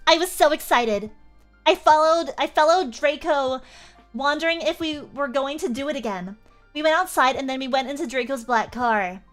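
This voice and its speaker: High-voiced giggly Australian woman. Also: moderate pace, soft background music. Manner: giggly, keeps breaking into laughter. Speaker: streamer. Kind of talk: comedic read-aloud of a fanfic with commentary.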